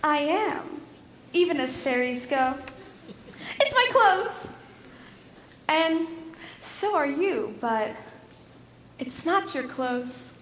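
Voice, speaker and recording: Young actress as a bossy mirror fairy, high and theatrical, in a reverberant hall. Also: female voice, sing-song, extremely slow, pauses often, fairly bright tone, slight background noise, heavily acted. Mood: gentle. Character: brisk, vain, scatterbrained female fairy in a mirror. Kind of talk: school stage play. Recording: roomy stage hall with music.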